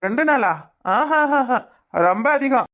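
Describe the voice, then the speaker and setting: A woman's voice: fairly high pitch, expressive, unhurried, a bit bright. A woman voicing a cocky young male blackmailer in a cartoon, with a Kanyakumari Tamil accent and a taunting, menacing way of talking. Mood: mocking. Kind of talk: cartoon voice acting.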